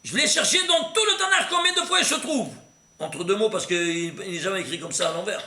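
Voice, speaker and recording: A man teaching a recorded Torah class, animated and constantly quizzing his listeners with questions. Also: high voice, a little fast. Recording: echoey room with faint noise.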